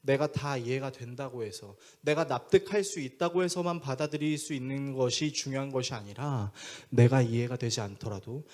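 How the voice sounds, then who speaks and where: A man's voice: medium pitch, normal speed, few pauses. A male pastor preaching a sermon, telling a story vividly and acting out the dialogue. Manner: animated storyteller who acts out dialogue.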